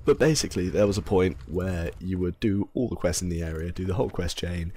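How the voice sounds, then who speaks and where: A man's voice: low-pitched, fairly quick, dark tone, breathy edge. A man with an English accent giving casual, rambling commentary while playing a video game, often correcting himself. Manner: rambling, self-correcting, chatty. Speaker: let's play commentator.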